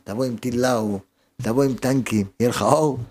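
A man's voice: mid-range voice, steady tone, a little mellow, a little hiss or hum. A man, a rabbi, giving a sermon with emphatic delivery and many rhetorical questions.

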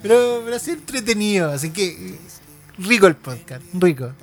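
Animated Chilean man, slangy podcast chat. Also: high-pitched, normal speed, soft background music. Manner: slangy, laughs often, animated. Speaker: podcast co-host. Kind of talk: casual chat.

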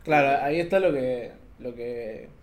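A young man steers a relaxed chat about video games. His voice sits in the middle of the male range, and he fills his talk with easygoing agreement words. The recording has a roomy, echoey sound. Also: mid-range voice, measured pace. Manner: agreeable, fills with "claro" and "viste". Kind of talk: casual gaming chat. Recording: roomy echo.

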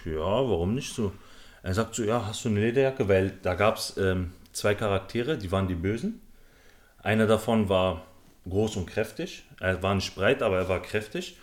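A young man hosting a podcast, telling a rambling, slangy story to friends with lots of fillers. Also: lowish voice. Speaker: podcast host. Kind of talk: casual storytelling among friends.

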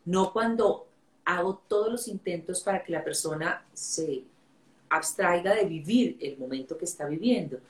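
A woman's voice: fairly low pitch, moderate pace. A woman interviewing a guest, affirming what she hears and thinking aloud as she builds her questions. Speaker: interviewer, host. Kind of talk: interview conversation. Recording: roomy echo.

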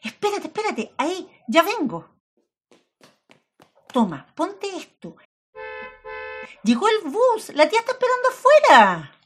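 A woman with a Chilean accent playing a bustling, excited mother who talks in a hurried, fussing way. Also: very high voice, background noise, full character voice. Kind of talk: amateur audio drama acting.

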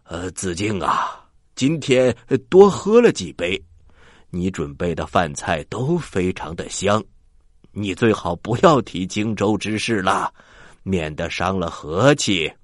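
Storybook warrior general of ancient China, done by a man: commanding, sly, theatrical, with big pitch swings. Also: sing-song, slow pace, no room sound, studio quality, heavily acted. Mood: feigned tipsy joviality. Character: commanding ancient Chinese warrior general, feigning tipsy joviality. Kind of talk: children's storybook character acting.

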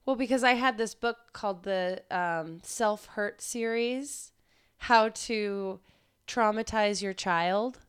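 A woman's voice: mid-range voice, takes it slowly, clean tone. A young woman telling stories in a casual chat, blunt and full of "like"s. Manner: blunt, laughing storyteller, many "like"s.

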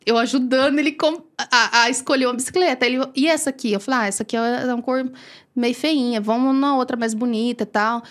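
A Brazilian woman telling a personal faith story as a podcast guest, animated and acting out quoted dialogue. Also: fairly high pitch, quick pace. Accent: Brazilian Portuguese.

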